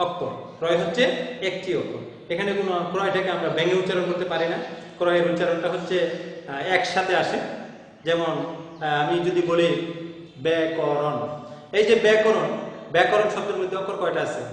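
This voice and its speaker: A man teaching a grammar lesson, repeating terms and asking questions he then answers, with frequent hesitant fillers. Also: high-pitched. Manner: repetitive, asks questions then answers them himself. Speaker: college Bengali teacher. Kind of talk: classroom grammar lecture. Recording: very echoey room with long reverb.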